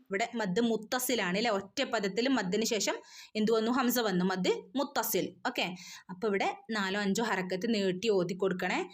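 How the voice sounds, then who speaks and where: A woman with a medium-pitched voice teaches an online Quran recitation lesson. Between slow chanted verses, she patiently explains the rules.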